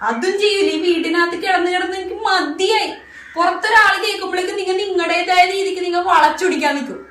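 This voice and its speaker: A woman's voice: very high-pitched, fast, a bit bright, far from the mic. A woman playing a young wife who heatedly accuses her husband and demands answers, heard off-mic in an echoey room. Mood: indignant. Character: angry young wife confronting a cheating husband.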